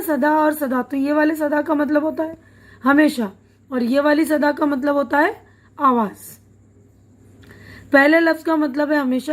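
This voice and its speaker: A woman teacher working through a textbook chapter, patiently explaining each word with simple glosses and checking questions. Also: sits high. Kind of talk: reading through a textbook lesson.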